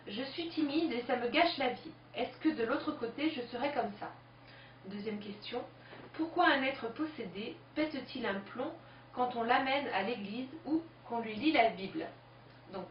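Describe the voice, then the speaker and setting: A woman co-host reading out listener questions in a measured, plain way. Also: on the high side, animated. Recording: distant, echoey, dull lo-fi with faint hiss.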